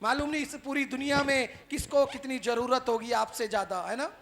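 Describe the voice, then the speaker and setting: Man, preacher, high-pitched, sermon to a congregation, rhetorical questions, tag questions after every point. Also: steady tone, moderate pace. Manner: asks the crowd question after question, then swings between loud calls and quiet asides.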